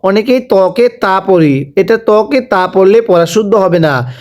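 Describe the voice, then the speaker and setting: A man teaching Arabic letters, calling each one out slowly and having the learners repeat after him. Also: high voice, expressive, a little mellow. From Bangladesh. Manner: slow drawn-out letter calls, repeated prompts. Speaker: Quran reading teacher. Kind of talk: letter-by-letter recitation lesson.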